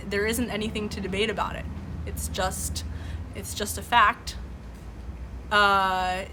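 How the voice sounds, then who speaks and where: Background noise surrounds a mid-range female voice in this home live stream, where boxes sit behind the host. She is a native Farsi speaker offering earnest, casual political commentary and reading chat, with many fillers and restarts along the way.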